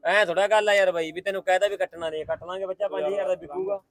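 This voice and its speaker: A man's voice: high voice, fairly even intonation, rapid-fire, fairly bright tone. A man with a Punjabi accent selling goats, bargaining insistently and casually. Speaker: goat seller. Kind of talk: casual market haggling. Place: livestock market. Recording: crowded market chatter behind.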